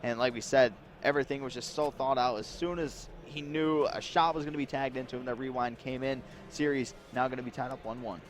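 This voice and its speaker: A man's voice: medium pitch, fairly even intonation, a little fast, hardly any pauses. A man giving color commentary on a competitive video game match, laid-back and analytical, using casual slang. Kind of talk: live esports commentary.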